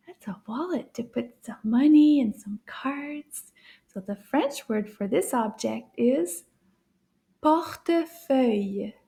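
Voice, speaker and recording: High-voiced, very slow-speaking woman teacher. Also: gravelly. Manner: slow, drawn-out enunciation for learners; animated, encouraging teacher talk. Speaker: French teacher for children. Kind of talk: children's language lesson.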